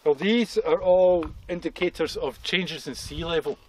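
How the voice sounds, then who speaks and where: Standing at a quarry rock face, a geology guide in his fifties gives a relaxed, explanatory talk and repeats phrases to drive points home. His voice sits fairly high, slightly mellow and unhurried. The outdoor recording is clearly noisy, with clicks.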